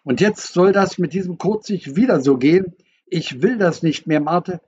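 A man's voice: sits high, moderate pace, darkish tone, lo-fi sound, a little hiss or hum, voice pushed up, lightly acted. A man reading the part of a stern, suspicious middle-aged father, a doctor, accusing and bitter.

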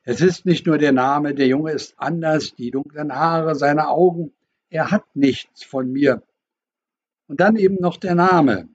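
A man's voice: on the high side, unhurried, slightly rough, dull audio. A man reading the part of a stern, suspicious middle-aged father, a doctor, accusing and bitter.

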